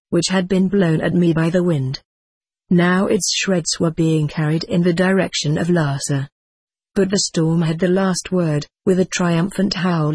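A man's voice: sits high, a little mellow, breathy edge, no echo. A man reading a first-person adventure story aloud with dramatic expression. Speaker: audiobook narrator.

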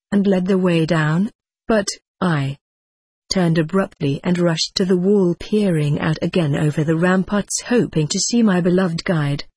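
A man's voice: high-pitched, a little mellow, slightly rough, no echo. A man reading a first-person adventure story aloud with dramatic expression. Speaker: audiobook narrator.

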